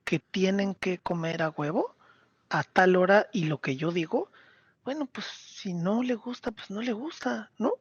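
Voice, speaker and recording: A man with a Mexican Spanish accent talking casually on a podcast, retelling scenes with lively acted-out quotes. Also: sits high, measured pace, slightly rough, no room sound, muffled recording. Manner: animated storyteller, acts out character quotes. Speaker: podcast co-host.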